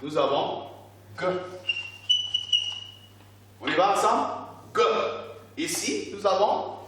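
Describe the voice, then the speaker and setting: A male primary school teacher walks his pupils through a reading lesson, drawing out each syllable and repeating words for them. His voice is a little high and rises and falls a lot. He is recorded from a distance in a strongly echoing room. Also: animated, noisy background. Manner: slow, deliberate, stretching out syllables and repeating words. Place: classroom.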